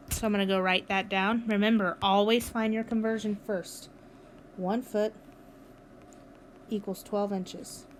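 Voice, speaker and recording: A woman with a slightly high voice teaches a recorded math lesson. She is upbeat and encouraging, talking her students through each step. A faint background hum sits under her voice. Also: fairly bright tone. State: has the hiccups. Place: at home with her dog nearby.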